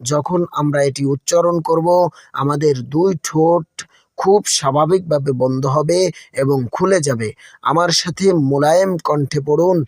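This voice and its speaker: A male Quran teacher with a slightly high voice, recorded close and dry with no room sound. He talks patiently and says each point twice. He speaks to his listeners warmly as friends. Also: no echo.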